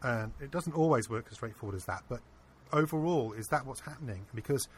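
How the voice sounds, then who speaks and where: A man being interviewed, earnestly telling a personal anecdote in a casual, animated way. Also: medium pitch, brisk, breathy edge. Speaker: interview guest. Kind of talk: casual storytelling.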